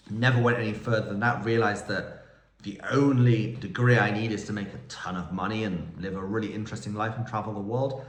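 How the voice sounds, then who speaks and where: A man's voice: fairly low pitch, a bit bright. Chatty man in a roomy echo. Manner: chatty, rambling storytelling with quoted dialogue. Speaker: vlog host answering viewer questions. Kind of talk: casual Q&A monologue. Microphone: phone.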